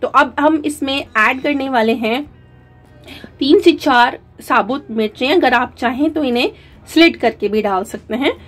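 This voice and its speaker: A woman narrates a recipe as a channel host, her voice sitting a little high. She talks through each step calmly, pausing on fillers and mixing words into her speech. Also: soft background music. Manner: calm step-by-step instruction with frequent fillers.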